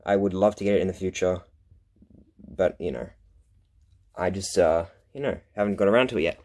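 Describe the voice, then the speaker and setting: A man's voice: low voice, brisk, a little mellow. A young man chatting casually as he hosts a top ten countdown of his collection, with self-deprecating asides. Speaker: collector, video host.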